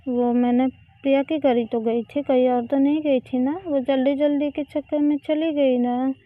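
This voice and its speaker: A playful young woman, played by a woman narrator coaxing and pleading in a high, sweet voice. The sound is dry and close, slightly muffled. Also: a little slow, dry recording. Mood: wheedling. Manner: wheedling, pleading, sweet-talking.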